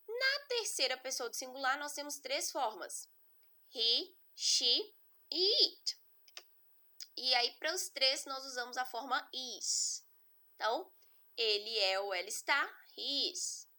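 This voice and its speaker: A woman gives an online English lesson in a slightly high, clear and bright voice. She explains slowly and patiently, one step at a time, and often pauses to check that her students are following. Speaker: English teacher.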